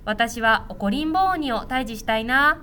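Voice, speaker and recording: A cheerful kindergarten girl, as a woman reading a storybook puts her on, talks in a friendly, matter-of-fact way. The voice sits high and bright, pitched up for a small child. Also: animated, moderate pace, slight background noise.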